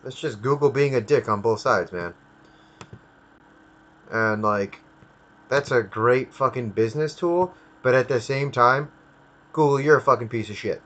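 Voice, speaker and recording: A man's voice: medium pitch, a little slow, long pauses, a bit bright, highs cut off. A man hosting a casual livestream, ranting with lots of swearing. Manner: profane ranting. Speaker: stream host.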